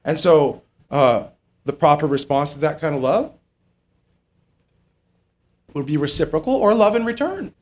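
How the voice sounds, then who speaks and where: A male pastor gives a conversational Bible teaching in a slightly higher-than-average voice. He checks in with his listeners often and lifts his pitch to stress key points. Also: expressive, unhurried, long pauses, a little mellow. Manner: informal, keeps checking in with "okay?", rises in pitch on emphatic points.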